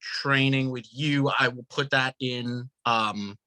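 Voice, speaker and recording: A man's voice: mid-range voice, fairly even intonation, slow, pushed and bright, no room sound. A male host wrapping up an interview, speaking hesitantly with many fillers. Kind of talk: casual interview wrap-up.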